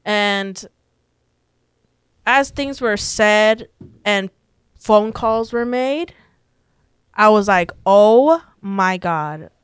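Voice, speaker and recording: A woman's voice: mid-range voice, very slow, long pauses, fairly bright tone, clean tone, no echo. A young woman, a podcast guest telling a personal story in a chatty way, full of "like" and quoted dialogue. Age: young adult. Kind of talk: casual storytelling.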